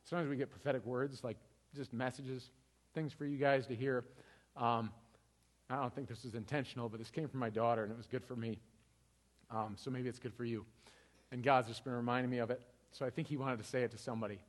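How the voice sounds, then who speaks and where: A man's voice: mid-range voice, fairly even intonation, quick pace. Man preaching in a reverberant hall. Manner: conversational, tag questions like "right?". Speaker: pastor. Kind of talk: sermon.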